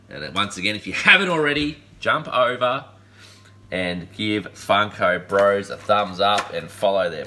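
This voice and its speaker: The host of a collectibles channel chats through an unboxing with upbeat, rambling energy and easygoing slang, surrounded by shelves of collectibles indoors. He has a deep voice with a sharp tone.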